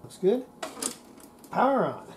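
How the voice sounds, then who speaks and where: Her mid-range, darkish voice swoops wildly in pitch while she talks slowly. An older woman restoring radios, she mutters casual remarks to herself at a cluttered indoor electronics workbench, recorded amid workshop noise.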